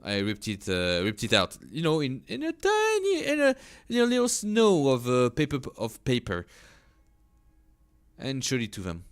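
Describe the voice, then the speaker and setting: Rambling, lively-pitched male streamer. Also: moderate pace, clear, resonant tone. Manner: rambling, stammering, jokey. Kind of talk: casual gameplay commentary.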